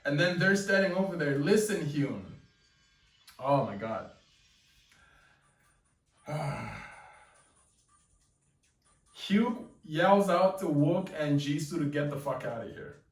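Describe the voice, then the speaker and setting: Excitable young man in an echoey room. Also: on the high side, slow pace, long pauses. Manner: excited, exclaims "yo" often. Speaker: webcomic reaction host. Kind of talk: live reading reaction. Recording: echoey room, mic at a distance, faint music.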